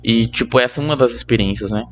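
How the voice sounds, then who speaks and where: A young man with a Brazilian Portuguese accent, a podcast guest telling a personal story in casual chat, animated and laughing between lines. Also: mid-range voice, fast, lo-fi sound, over music. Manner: animated, laughs mid-story, many fillers.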